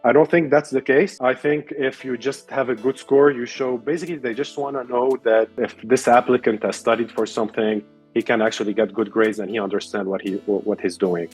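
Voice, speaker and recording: A man's voice: medium pitch, fairly even intonation, brisk, darkish tone, husky, faint music behind. A young man from Lebanon, a resident explaining his path as an interview guest with many fillers and restarts. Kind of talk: casual interview answers.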